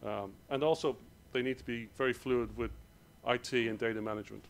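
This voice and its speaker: A man with an Irish accent, giving a hurried conference presentation in a hall. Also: mid-range voice, steady tone, creaky, slight background noise. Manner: rushed, hurried delivery. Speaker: conference speaker.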